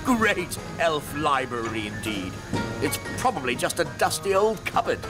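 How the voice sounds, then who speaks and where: A woman's voice: low-pitched, big pitch swings, measured pace. An actress playing a posh, skeptical adult fairy queen with a British accent in a children's cartoon. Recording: music behind the voice.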